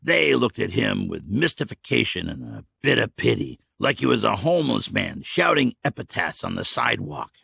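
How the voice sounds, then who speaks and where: A man narrating a survival story in an animated, dramatic reading. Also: fairly low pitch, normal speed, creaky, hardly any pauses, husky, no echo, clean studio sound.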